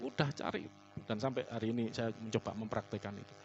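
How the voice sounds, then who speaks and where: A male pastor preaching a conversational sermon, telling stories and often calling his listeners "saudaraku", moving between loud emphasis and soft, hushed asides. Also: on the low side, fast talker, gravelly, dull audio, slight background noise. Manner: chatty, storytelling, often calls listeners "saudaraku". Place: church service.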